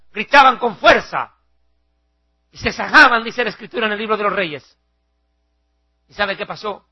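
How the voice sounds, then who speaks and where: Male TV preacher, sharp high husky voice, fiery and mocking, lo-fi sound. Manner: fiery, mocking, acts out shouting crowds. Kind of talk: televised sermon.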